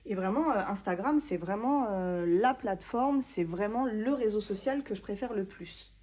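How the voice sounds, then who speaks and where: French woman in her thirties, chatty self-mocking vlogger, soft mellow tone, casual talk to camera. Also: mid-range voice, animated, normal speed. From France. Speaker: booktuber. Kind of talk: casual vlog chat to camera.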